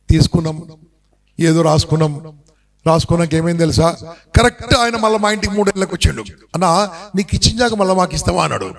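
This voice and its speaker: Middle-aged motivational speaker, a man, high voice, animated storytelling that keeps asking the crowd questions. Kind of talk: motivational speech to a live audience.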